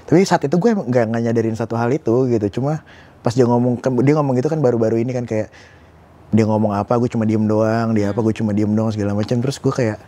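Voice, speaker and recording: Casting: man, late 20s, quick rambling delivery, candid and self-critical. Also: mid-range voice, dark tone. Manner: fast, rambling, self-critical, informal slang. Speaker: guest. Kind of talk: casual candid conversation.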